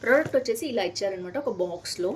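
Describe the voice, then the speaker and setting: Fast-talking chatty Telugu woman vlogger. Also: medium pitch, animated, slight background noise. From Hyderabad, India. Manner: chatty, enthusiastic, mixes English words into Telugu. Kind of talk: casual product unboxing vlog.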